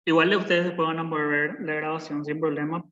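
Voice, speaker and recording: A man's voice: fairly high pitch, flat delivery, a little fast, a bit bright, highs cut off. A young man in his twenties teaching a live online programming class, patient and repetitive, often checking in with his students. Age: 20s. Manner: patient, repeats points, checks in with "¿verdad?". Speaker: programming instructor. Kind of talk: live online coding lesson. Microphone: video call.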